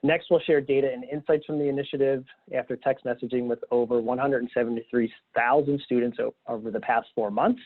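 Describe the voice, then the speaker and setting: A man hosting a video-call webinar, relaxed and upbeat, laughing easily while guiding the panel. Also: mid-range voice, brisk, hardly any pauses. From Philadelphia, Pennsylvania. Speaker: webinar host. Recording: tinny phone-like call audio.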